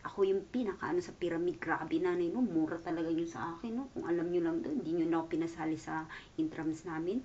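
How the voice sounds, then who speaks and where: A young Filipino woman in her twenties with a Filipino accent, sending a playful, affectionate birthday video message to her mother while away from home and often dropping to a soft whisper. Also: fairly low pitch, quick pace. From Philippines. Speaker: daughter working away from home. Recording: dull lo-fi recording with faint noise.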